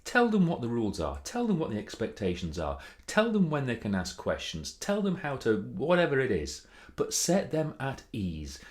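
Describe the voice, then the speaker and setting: A British presentation coach hosts a video series, offering informal advice straight to camera. His medium-pitched voice swings wildly in pitch at a moderate pace, and his delivery is chatty, theatrical and emphatic.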